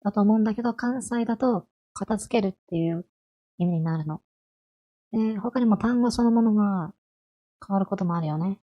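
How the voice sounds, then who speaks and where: A woman's voice: mid-range voice, fairly quick, dull audio. A woman in her twenties giving a chatty, friendly explainer lesson on language, asking her listeners rhetorical questions. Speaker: language vtuber.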